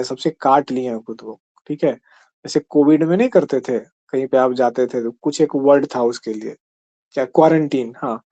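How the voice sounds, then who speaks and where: A man's voice: fairly high pitch, warm tone. A man teaching an exam-prep class in a conversational way, often checking in with his listeners. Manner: conversational, keeps asking "ठीक है?".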